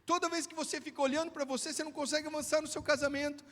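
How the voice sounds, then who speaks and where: Brazilian pastor guy preaching, goes quiet then loud, high voice, big church hall echo. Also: flat delivery, very fast. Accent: Brazilian Portuguese. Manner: preaching with wide swings from hushed to shouted. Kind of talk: sermon. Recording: long church hall reverb.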